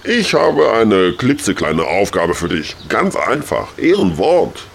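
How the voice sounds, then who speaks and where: A man's voice: fairly low pitch, big pitch swings, takes it slowly, vocal fry, a little hiss or hum, exaggerated voice. A man doing a weary, scheming heavenly boss. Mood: wheedling. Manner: weary, sighing and wheedling.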